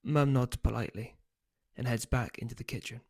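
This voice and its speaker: A man, the book's author, reading his first chapter aloud in a steady storytelling voice. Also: medium pitch, a little fast. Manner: steady storytelling, loose and hesitant when speaking offhand.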